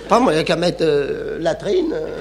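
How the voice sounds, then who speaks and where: A man's voice: on the high side, lively intonation, moderate pace, vocal fry, over a noisy crowd, heavy background noise. A man performing a comic stage monologue, in an indignant, exclaiming, mock-stubborn manner. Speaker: comedian.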